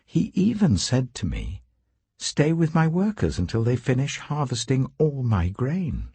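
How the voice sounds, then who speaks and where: Man voicing a humble, husky young widow. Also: mid-range voice, very animated, unhurried, dark tone, no room sound, pitched above the performer's own voice, full character voice. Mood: earnest.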